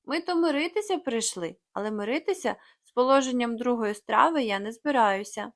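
Білий клоун у виконанні жінки, чемний і благальний. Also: female voice, a little high, animated, brisk, no echo, clean studio sound. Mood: pleading. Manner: pleading, fussy.

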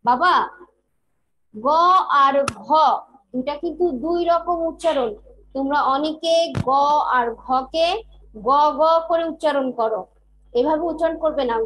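A woman's voice: high-pitched, low-quality recording. A young woman with a Bangladeshi Bengali accent teaching a kindergarten class, patiently drilling letters and chanting rhymes in a sing-song way. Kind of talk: online class lesson.

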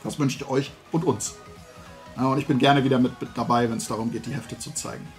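With soft music in the background, a middle-aged man chats casually and colloquially to camera while hosting a toy and comics show in a room lined with collectibles. His talk rambles, and his mid-range voice is brisk with fairly even intonation.

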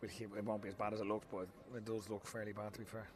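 Irish man, football manager, quick talker, frank post-match answers, handheld mic outdoors. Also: on the low side, level tone, noisy background. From Ireland. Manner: frank, repeats himself, many restarts. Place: outdoor football pitch at night. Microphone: handheld mic held close.

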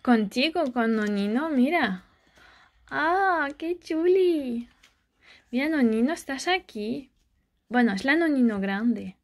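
A woman, a vlogger and mother, chatting softly and dotingly with a child and her viewers. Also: fairly high pitch, animated, measured pace. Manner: doting and soft, speaking as to a small child. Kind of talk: casual chat with a child and viewers.

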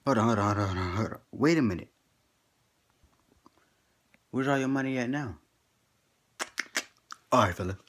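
A man's voice: medium pitch, normal speed, long pauses, a bit bright, lightly acted. Man playing a boastful old grandpa. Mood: teasing. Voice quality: folksy slang-heavy drawl, chuckling between lines. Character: boastful old grandpa telling tall tales. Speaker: comedy skit performer. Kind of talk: comedic character monologue.

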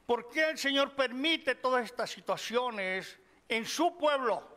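A middle-aged man preaching a sermon, teaching from the Bible in a measured way and addressing the listeners as brothers. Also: extremely high pitch, animated, sharp tone. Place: church hall. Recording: long hall reverb.

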